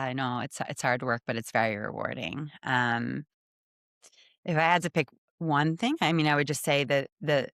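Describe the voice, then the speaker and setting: Smooth-voiced woman telling a reflective story. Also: a bass voice, a bit bright, dry recording, studio quality. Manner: reflective, measured, with frequent pauses. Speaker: hospital medical director, guest. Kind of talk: conversational storytelling.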